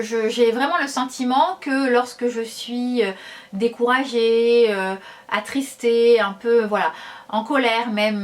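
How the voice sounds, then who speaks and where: A woman vlogger talking casually to her viewers, chatty and hesitant, with many fillers. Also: on the high side. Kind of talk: casual talk to camera.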